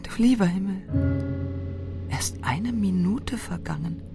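Haughty young society wife, slow half-whispered musing, low gravelly voice, music underneath. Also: female voice, animated. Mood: agitated. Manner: brooding inner monologue, half whispered. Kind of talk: radio play acting.

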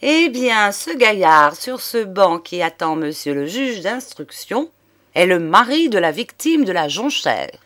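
A woman's voice: medium pitch, big pitch swings, a little slow, fairly bright tone, dry recording, studio quality. A woman reading the part of a smug male police chief who talks down to an old man. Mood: smug, teasing. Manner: mocking, condescending.

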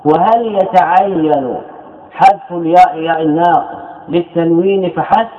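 Higher-voiced man lecturing, tinny echo. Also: moderate pace. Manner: asks questions and answers them himself, repeats key phrases. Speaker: Islamic scholar teaching grammar. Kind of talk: classroom lecture. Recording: tinny, echoey lecture recording.

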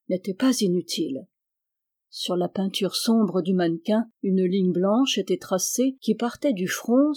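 A reader narrating a nineteenth-century adventure novel in an even, measured delivery. The voice sits in a middle register with calm pacing. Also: mid-range voice. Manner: steady measured reading. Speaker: audiobook reader.

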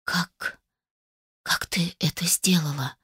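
A woman reading an audiobook voices a hot-tempered young man, speaking low and restrained. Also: moderate pace, no room sound, studio quality, lightly acted. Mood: tender.

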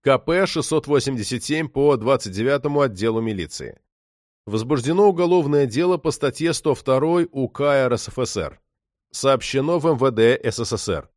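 A man narrates a crime audiobook in a steady, even way. His voice sits at an average pitch. The recording is close and dry, with no room sound. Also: moderate pace, no room sound. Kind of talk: scripted narration.

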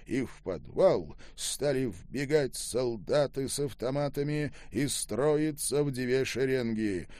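A man narrating an audiobook in a measured storytelling manner. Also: mid-range voice, a little mellow, no echo.

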